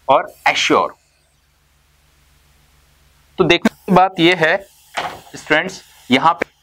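Fairly high in pitch, bright and forceful, a man's voice comes through poor audio. He runs a classroom-style lesson on simple English vocabulary, mixing Hindi and English and asking questions only to answer them himself. To stress a point, he stretches words out slowly.

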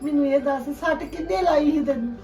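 A woman's voice: high-pitched, brisk, a little mellow, faint music behind. An actress playing a middle-aged mother who wails and pleads with her returned daughter. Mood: weeping, pleading. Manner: wailing, pleading questions. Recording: echoey room, distant mic.

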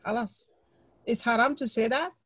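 A woman in a study circle telling an anecdote on a video call, animated, with non-native grammar, laughing at her own story. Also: a little high, normal speed, husky, low-quality recording.

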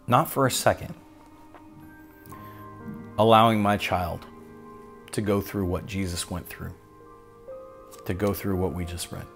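Male pastor, very low voice, unhurried and weighty sermon delivery with long pauses. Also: steady tone, fairly bright tone, soft background music. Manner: slow, solemn and deliberate, with long pauses.

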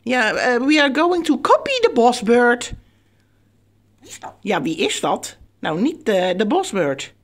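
A woman, chatting playfully to her pet birds, coaxing them in a sing-song way with high squeals of praise. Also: big pitch swings, slow pace. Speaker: pet bird owner filming her birds.

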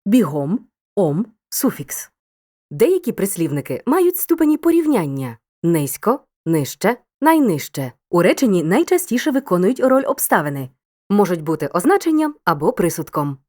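Lively, encouraging woman teaching a lesson. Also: on the low side, moderate pace. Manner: clear, upbeat, encouraging teacher tone. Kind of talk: scripted educational narration.

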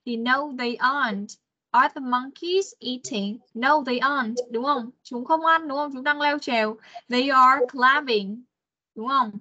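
A woman with a high, bright voice teaches an English class over a video call. She explains patiently and repeats words slowly for the children. The call audio sounds dull and lo-fi. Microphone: computer mic on video call.

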